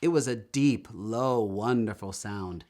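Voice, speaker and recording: With a lowish voice, a man reads a children's story aloud. His storytelling is deliberate and full of expression, like a storybook reader's.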